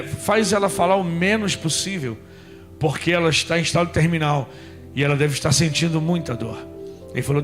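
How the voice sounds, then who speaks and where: High-voiced Brazilian preacher telling stories. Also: male voice, fairly bright tone. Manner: storytelling preacher, addresses congregation directly. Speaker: pastor. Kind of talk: sermon.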